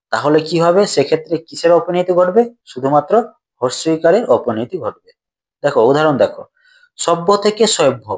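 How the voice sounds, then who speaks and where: Bengali grammar teacher, a man with a raised voice. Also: a little high. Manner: repeats questions to students and answers them. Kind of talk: grammar lesson.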